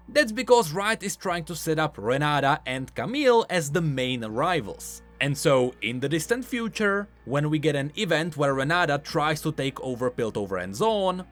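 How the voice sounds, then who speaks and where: A male commentator explains game lore in a scripted delivery over music. His voice sits higher in pitch and his intonation is very lively.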